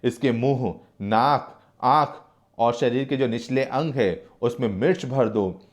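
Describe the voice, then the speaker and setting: A man voicing a brutal male police henchman who barks out orders loudly. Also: mid-range voice, takes it slowly, lightly acted. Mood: commanding. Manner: loud barked commands.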